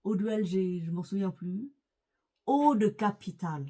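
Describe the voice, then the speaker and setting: A woman's voice: mid-range voice, lively intonation, unhurried, dark tone. A middle-aged woman chatting casually in a vlog, hesitant, with many fillers and restarts. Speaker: lifestyle vlogger. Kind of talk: casual chat about perfumes.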